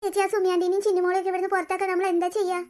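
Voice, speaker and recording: A woman's voice: extremely high pitch, flat delivery, rapid-fire, a little mellow. A woman voicing a worried little girl who pleads and complains, in a cartoon story. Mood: complaining.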